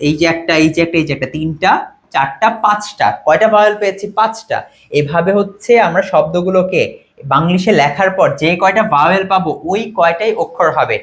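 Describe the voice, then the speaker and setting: Fast-talking high-voiced male teacher. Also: a bit bright. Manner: quick, questioning, counts items aloud. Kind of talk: online exam-prep lesson.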